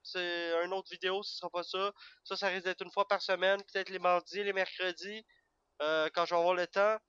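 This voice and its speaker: Young man, gameplay commentary, excitable outbursts, slightly muffled recording. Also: high voice, brisk, clear, resonant tone. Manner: excitable, breaks into sudden loud outbursts and cursing. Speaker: gaming video creator.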